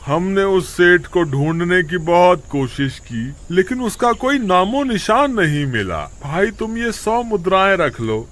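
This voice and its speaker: A man voicing two scheming village tricksters who talk in a wheedling, excitable way. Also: high-pitched, a little slow, few pauses, exaggerated voice. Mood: pleading.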